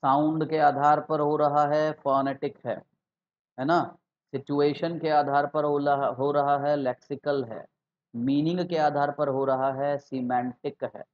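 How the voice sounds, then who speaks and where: A man gives an online exam-prep lesson in a fairly high voice, stopping often to ask his students whether they follow. He repeats key terms and builds each point slowly. The recording sounds slightly dull and lo-fi. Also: flat delivery. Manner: explanatory, repeats key terms, asks the class questions. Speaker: English teacher for exam prep. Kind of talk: online exam-prep lecture mixing Hindi and English terms.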